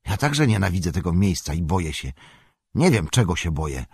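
Man reading a scared young hobbit, earnest, husky, dry sound. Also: deep voice, sing-song, brisk, darkish tone, no room sound, heavily acted. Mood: anxious.

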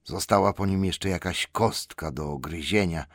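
A man reading an audiobook aloud in an expressive style that builds suspense. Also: low-pitched, moderate pace, no echo, studio quality. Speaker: audiobook narrator. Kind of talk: dramatic audiobook narration.

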